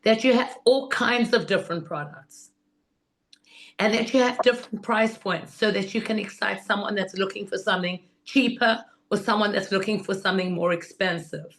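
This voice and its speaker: A woman with laryngitis, her voice hoarse and rusty as if unused, gives an informal, enthusiastic and instructive workshop. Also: medium pitch, normal speed, fairly bright tone. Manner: enthusiastic, instructive, repeats 'in other words'. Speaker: guest teacher of market selling.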